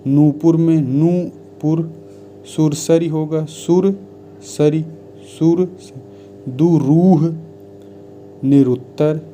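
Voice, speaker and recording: A man teaching Hindi spelling, reading out word lists one by one in a measured dictation style. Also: a little high, warm tone, a little hiss or hum.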